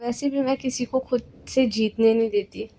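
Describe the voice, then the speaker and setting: कथावाचिका द्वारा निभाई शेखी बघारती फ्लर्टी युवती, ऊँची और नरम आवाज़. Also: female voice, a little high, fairly even intonation, moderate pace, warm tone. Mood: boastful. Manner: teasing, boastful.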